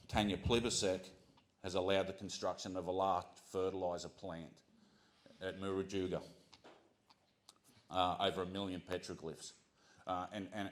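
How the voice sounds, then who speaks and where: An Australian man giving an earnest prepared speech to a community gathering, often pausing with ums and restarting his sentences. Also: fairly low pitch. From Central Coast of New South Wales, Australia. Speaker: community speaker.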